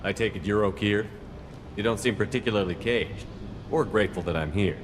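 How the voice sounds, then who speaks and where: An actor playing a stern, principled military commander in a video game, measured and matter-of-fact. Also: male voice, lowish voice, big-room sound, background noise, natural voice. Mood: dry, firm.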